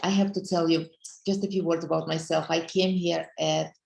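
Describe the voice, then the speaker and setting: Woman, Russian accent, middle-aged, motivational talk, encouraging, low voice, echoey room. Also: fairly even intonation, normal speed, gravelly, darkish tone, a little hiss or hum. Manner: earnest, encouraging, slightly broken English. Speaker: business leader speaking on a team call.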